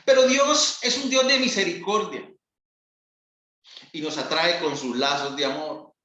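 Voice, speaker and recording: A man preaching a sermon as pastor, slow and solemn with long pauses. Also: a little high, pushed and bright, roomy sound. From Colombia.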